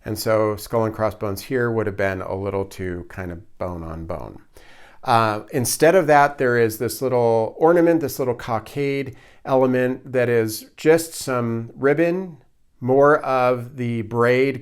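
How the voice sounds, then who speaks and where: A man with a smooth, clear voice at a medium pitch talks casually through a hobby build. He speaks off the cuff as a presenter, pausing to think and gently putting himself down as he explains. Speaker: hobby prop maker, presenter. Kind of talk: casual unscripted show-and-tell explanation.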